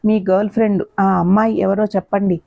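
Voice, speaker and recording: A woman's voice: mid-range voice, level tone, brisk, gravelly, dry recording, close to an everyday voice. A woman reading the lines of a shy young woman who apologizes through tears, in a storybook reading. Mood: tearful. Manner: apologetic, tearful pleading. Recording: dull lo-fi recording.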